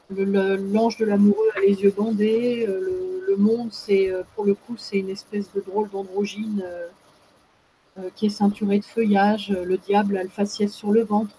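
A woman's voice: medium pitch, fairly even intonation, measured pace, mellow, a little hiss or hum, rough recording. A woman explaining as a guest expert in casual talk, hesitant, with many fillers and restarts.

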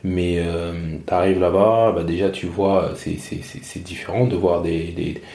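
A man in his thirties from France, speaking as an interview guest in a halting way, with many restarts and repeated words. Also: sits low, steady tone, creaky, warm tone. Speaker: interview guest, media founder. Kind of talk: casual interview talk. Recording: roomy echo.

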